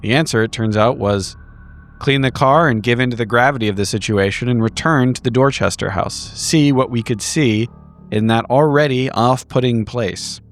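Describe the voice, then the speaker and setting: A man with a mid-range voice at normal speed narrates like a player on a tabletop roleplaying podcast, mixing casual banter with a narrated session recap. He's wry, wordy and articulate, and music plays behind his voice.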